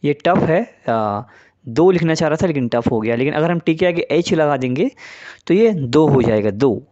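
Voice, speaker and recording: A man's voice: a little high, expressive, moderate pace, darkish tone, lo-fi sound. A man teaching English pronunciation in Hindi, patiently spelling out letters and saying example words one by one. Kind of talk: spoken English lesson in Hindi.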